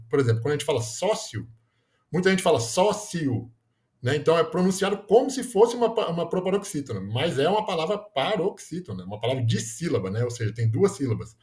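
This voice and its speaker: A man explaining grammar in a lesson, often checking in with "né?" and correcting himself mid-word. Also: fairly high pitch. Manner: explanatory, frequent "né?" tags, self-corrections. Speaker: teacher.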